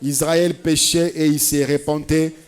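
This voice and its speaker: A man's voice: a little high, flat delivery, a little slow, smooth. A man preaches and prays at a church service, building on repeated phrases. His voice sits a little above the usual male range, and he drops into Lingala now and then. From Congo-Kinshasa. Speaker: pastor. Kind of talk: sermon and prayer.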